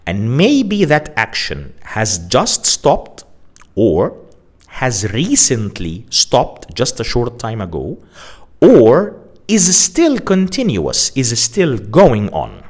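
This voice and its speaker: A man explains English grammar at an unhurried pace, leaning on each key word. His pitch rises and falls in a lively way as he teaches. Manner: slow, deliberate, spells out words and stresses key forms. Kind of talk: grammar lesson.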